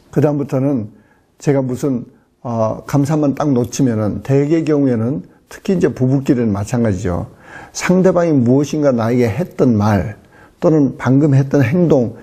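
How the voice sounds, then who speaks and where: A middle-aged man delivers a sermon in a loud voice that is very dark and mellow. His tone is husky and breathy, and his talk is full of pauses and fillers. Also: mid-range voice. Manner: hesitant, many fillers. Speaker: missionary preacher.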